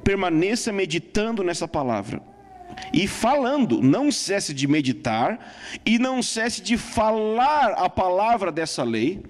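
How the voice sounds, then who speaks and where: A man with a notably high voice teaching a sermon on prayer, pressing each point home and stopping to check his listeners follow. His voice rings out with a long hall reverb behind it. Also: very animated, unhurried. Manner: emphatic, scripture-citing, checks in with the audience.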